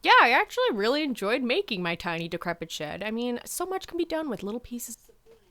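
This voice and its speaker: High bright-voiced woman, playful banter. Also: big pitch swings, fast, dry recording. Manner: playful, exasperated. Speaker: co-host crafter. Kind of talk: scripted comedic banter.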